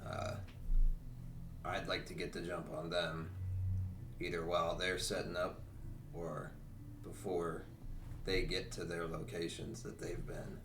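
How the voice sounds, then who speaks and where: A man playing a tabletop game, talking casually in character and pausing mid-sentence. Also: sits low, little pitch movement. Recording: distant, echoey, noisy room microphone.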